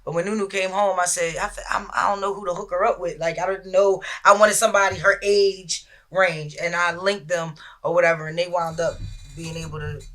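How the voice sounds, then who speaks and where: A man's voice: high voice, flat delivery, brisk, sharp tone. An American man in casual, slangy conversation, telling stories on a podcast. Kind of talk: casual storytelling chat.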